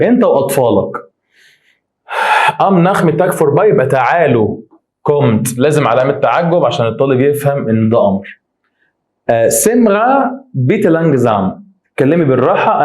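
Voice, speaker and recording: A man with an Egyptian Arabic accent, teaching German grammar by walking through exercises and reading the sentences out slowly. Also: medium pitch, a little mellow. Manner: quick explanatory, reads German slowly. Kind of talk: exam exercise walkthrough.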